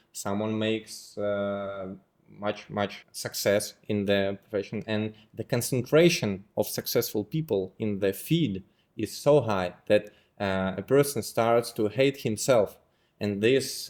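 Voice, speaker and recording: A man's voice: fairly low pitch, a little mellow. Young man asking long rambling questions. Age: 20s. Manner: long rambling questions, many uh fillers, non-native English. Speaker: interviewer. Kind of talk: interview questions.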